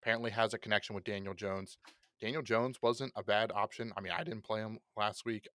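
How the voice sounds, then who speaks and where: A podcast host wraps up his casual fantasy football show, loose and joking as he runs through players. His lowish voice is brisk, bright, and forceful, with fairly even intonation. The studio-quality recording has no room sound.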